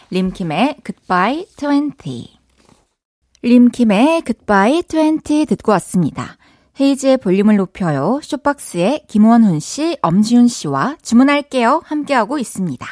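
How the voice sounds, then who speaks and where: A woman hosting a casual radio talk show, reacting brightly and reading listener stories. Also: fairly high pitch, very animated, a little slow, no echo, studio quality. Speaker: radio host.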